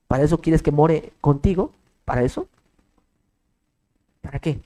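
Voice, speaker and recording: A man's voice: fairly high pitch, a little slow, warm tone, low-quality recording. A man preaching a sermon, firing off rhetorical questions and acting out bits of dialogue. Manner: emphatic, rhetorical questions, acts out quoted dialogue.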